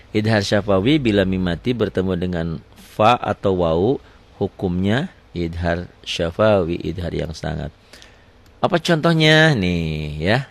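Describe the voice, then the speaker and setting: A man teaching tajwid. He quizzes the class with his own questions and recites verse examples slowly and drawn out. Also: sits low. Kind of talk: tajwid lesson.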